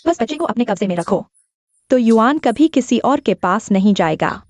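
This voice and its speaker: A woman's voice: fairly high pitch, expressive, moderate pace, darkish tone, no room sound, clean studio sound, natural voice. A woman voicing a domineering mother-in-law. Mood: coaxing. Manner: scolding, harsh. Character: bitter middle-aged mother-in-law, domineering. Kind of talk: Hindi dub of a drama.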